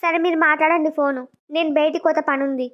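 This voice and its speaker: A woman voicing a gentle young wife who questions softly and suspiciously, on a dull lo-fi recording. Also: high voice, fairly even intonation, fast talker, lightly acted. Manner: soft, questioning.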